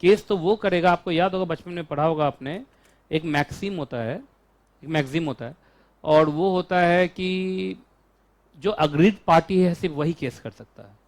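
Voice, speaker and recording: A man with an Indian accent teaching a law class, chatty and joking, stretching out key terms slowly. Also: fairly high pitch.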